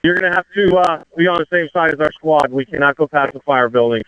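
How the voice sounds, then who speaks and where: A man's voice: on the high side, fast, smooth, no room sound, dull audio. A man speaking urgent firefighter radio traffic as incident commander, terse and directive, over a two-way radio. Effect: two-way radio transmission.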